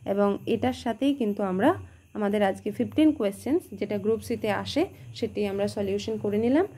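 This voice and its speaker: A woman's voice: medium pitch, a little fast, warm tone, breathy edge. A woman teaching an online exam-prep grammar lesson, explaining step by step and asking the class rhetorical questions.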